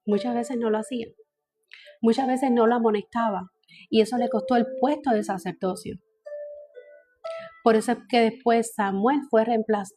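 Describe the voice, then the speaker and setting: A woman's voice: a little high, a little mellow. Spanish-speaking woman teaching a Bible study. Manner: repeats phrases and checks in with listeners.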